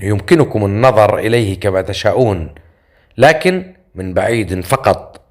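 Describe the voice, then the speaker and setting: Guy doing a stern leader type, dry wit, average-pitched voice, audiobook. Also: animated, normal speed, natural voice. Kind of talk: audiobook character voice.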